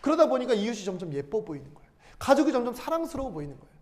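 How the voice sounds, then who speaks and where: A male pastor preaching a sermon, asking the congregation questions and answering them himself, and reading scripture aloud slowly. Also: very high-pitched, very animated, darkish tone. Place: church sanctuary. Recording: long hall reverb.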